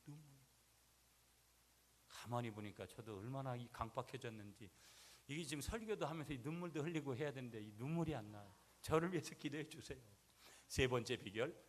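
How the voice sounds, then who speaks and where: A male pastor preaching a sermon, swinging from quiet asides to loud, rising climaxes and having the congregation repeat lines after him. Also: medium pitch. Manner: swings from soft asides to shouted peaks, has the church repeat after him.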